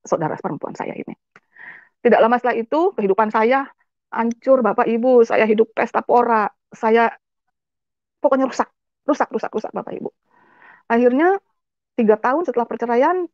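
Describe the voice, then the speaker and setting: Woman, testimony speaker: rapid and emotional, gravelly voice on a dry, dull recording. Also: mid-range voice, no room sound. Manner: emotional, often addresses the audience as ladies and gentlemen. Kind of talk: personal testimony to an audience.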